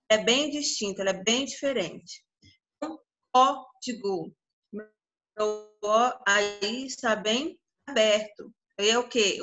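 Slow, bright-voiced Brazilian woman teaching. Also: a little high. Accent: Brazilian Portuguese. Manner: drawn-out syllables, frequent check-ins with the class. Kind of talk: online grammar lesson.

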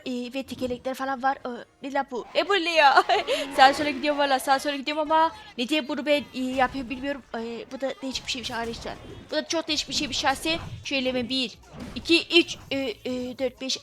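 A woman's voice: high voice, a bit bright. A woman commentating her own gameplay as a channel host, exclaiming, laughing and repeating her phrases.

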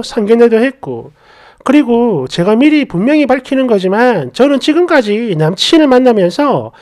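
A woman's voice: fairly high pitch, a little mellow. A woman reading a first-person story aloud, with an indignant, questioning tone. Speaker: story narrator.

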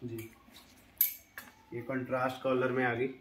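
A man's voice: mid-range voice, takes it slowly. A young man who owns a clothing factory, walking through his products one by one and stating each price steadily. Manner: steady, listing items and prices. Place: clothing showroom indoors. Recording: roomy echo, light background noise.

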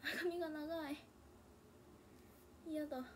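A woman's voice: high-pitched, fairly even intonation, takes it slowly, slight background noise. Chatty young woman with Hakata-Kansai mix. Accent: Hakata dialect mixed with Kansai. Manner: chatty, drifts into murmured asides to herself. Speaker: idol livestreamer. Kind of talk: casual livestream chat. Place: room at home. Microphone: tablet or phone device.

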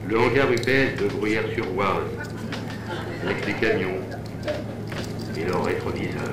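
Guy doing an airline captain on the cabin speaker, lowish voice, chatty and wandering, sounds far off in a big echoey room. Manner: chatty, rambling, drifts off script. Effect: in-flight cabin announcement over the speaker. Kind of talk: stage play acting. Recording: roomy, distant, noisy stage recording.

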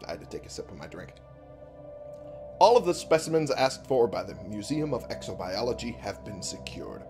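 Male let's-player, lowish voice with animated swings, informal and sweary, game music underneath. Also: moderate pace. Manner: informal, frequent swearing, thinks out loud. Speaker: video game let's-play host. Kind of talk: casual solo gameplay commentary with reading aloud of on-screen text.

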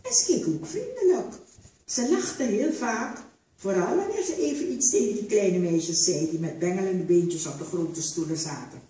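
A woman author reading passages from her novella aloud in a theater, slow and expressive. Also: medium pitch. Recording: echoey theater hall from far off.

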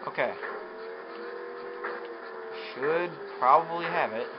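A man giving gameplay commentary, frustrated, swearing and yelling at the game as he plays. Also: on the high side, slow pace. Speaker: let's play commentator. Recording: muffled lo-fi recording with steady noise.

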